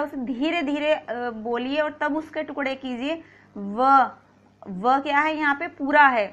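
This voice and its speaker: A woman's voice: high-pitched, a bit bright, lo-fi sound. A woman teaching a grammar lesson, patiently explaining, asking and answering her own questions, and repeating key points.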